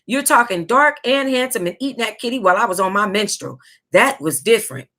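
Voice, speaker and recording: A brisk American book club host with a voice on the high side reads from a tell-all. Her casual, sassy reading is punctuated by lively reactions, laughter and asides.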